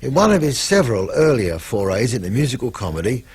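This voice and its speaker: A male radio presenter reading a scripted tribute with lively, rising and falling intonation. His voice is very husky and breathy. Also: medium pitch, fast talker, dry recording.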